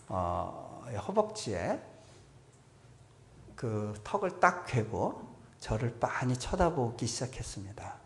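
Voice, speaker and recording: Soft-spoken male preacher telling a story. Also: mid-range voice. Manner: conversational, with frequent affirming "예" interjections; drops to a soft, hushed voice in reflective passages. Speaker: guest preacher, missionary. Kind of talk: storytelling revival sermon. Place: church sanctuary at a revival meeting.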